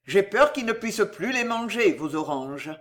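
A woman's voice: medium pitch, very animated, unhurried. A woman voicing a big, grieving mason father who speaks in a heavy, subdued way.

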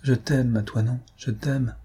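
Male reader doing an easygoing young count, mellow and husky. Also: medium pitch, moderate pace, natural voice.

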